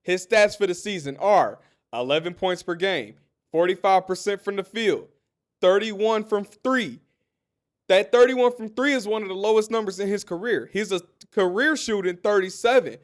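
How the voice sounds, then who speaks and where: A man's voice: high voice, normal speed. A man hosting his own sports podcast, giving casual commentary, talking straight to listeners and telling stories. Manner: animated, talks straight to listeners, tells stories.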